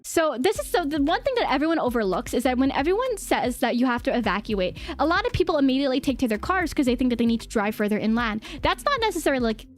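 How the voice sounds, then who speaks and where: A woman's voice: high voice, big pitch swings, quick pace, few pauses. A woman hosting a livestream, explaining things casually to viewers in an informal, giggly way and often repeating her phrases. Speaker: livestream host.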